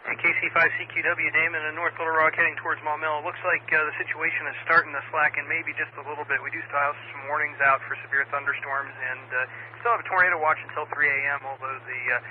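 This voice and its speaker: A man's voice: fairly high pitch, little pitch movement, fast. An American man working as an amateur radio net controller, reading out weather bulletins and call signs in a procedural way over a two-way radio. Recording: phone-like radio audio with static noise.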